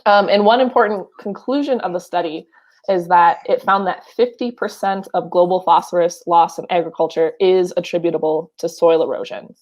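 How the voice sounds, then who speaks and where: With a Wisconsin accent, a woman co-hosting a podcast reads news stories aloud, breaking in with chatty asides and plenty of fillers. Her voice is lowish and a little mellow, steady in tone at a normal speed.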